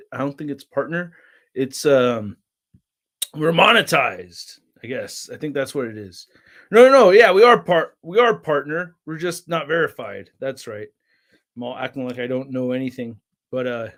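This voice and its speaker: A young man hosting a casual toy channel livestream, rambling and reading chat names aloud with excitable bursts. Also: mid-range voice, normal speed. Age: young adult.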